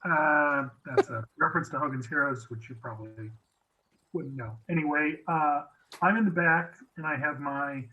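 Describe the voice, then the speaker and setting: A man's voice: fairly high pitch, moderate pace, bright, forceful tone, muffled recording. A man playing in a tabletop game, talking casually with wry asides. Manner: wry, self-aware asides. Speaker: player.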